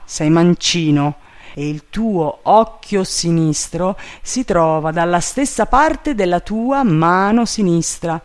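Impatient, urgent gentleman barking orders, as a man reads him. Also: fairly high pitch, pitched above the performer's own voice. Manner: urgent, commanding, raised voice. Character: excitable, impatient male gentleman giving orders.

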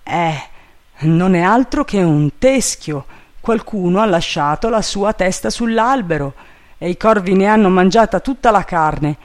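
A man voicing a timid, bumbling male servant up a tree, fretful and loud, in a storybook reading. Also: sits high, lively intonation, measured pace, pitched above the performer's own voice.

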